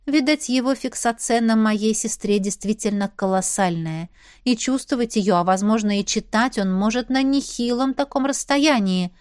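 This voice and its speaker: A woman's voice: fairly high pitch, moderate pace, darkish tone, smooth, no echo. Woman narrating a story, close and dry. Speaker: audiobook narrator. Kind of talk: first-person audiobook narration.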